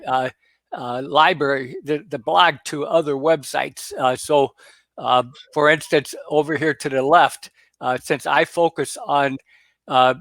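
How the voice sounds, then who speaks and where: A man speaking as a guest over a video call, explaining in a halting way with many fillers and restarts. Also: a little high, a bit bright, dry recording. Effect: heard over a video call. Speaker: guest presenter. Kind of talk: casual explanation on a webinar.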